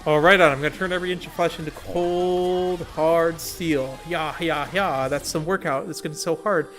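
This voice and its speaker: A fiery, earnest young racer girl, all gung-ho determination, as a man reads her lines aloud from a game story. The voice sits a little high for a man, read plainly and eagerly. Soft game music hums underneath. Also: steady tone, normal speed. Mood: fired up.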